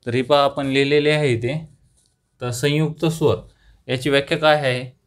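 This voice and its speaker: In a grammar lesson, a young man with a Marathi accent repeats key terms slowly and raises questions he then answers on his own. His pitch is medium and his tone steady.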